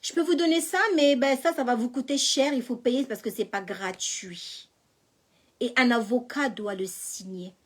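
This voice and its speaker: A woman playing a weary male court clerk who brushes people off in a flat, low voice. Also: moderate pace, lightly acted. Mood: dismissive.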